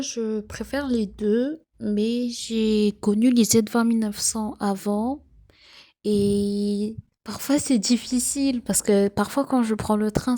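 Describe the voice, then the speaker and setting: Young female vlogger, relaxed dark tone, sleepy morning voice, unhurried casual delivery. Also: medium pitch. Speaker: train enthusiast vlogger. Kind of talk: casual FAQ vlog talk.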